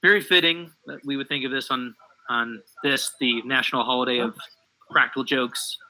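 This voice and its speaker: Co-host dude, super bright sharp tone, wry and kinda hesitant. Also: male voice, mid-range voice, fairly even intonation, normal speed, poor audio. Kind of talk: casual banter.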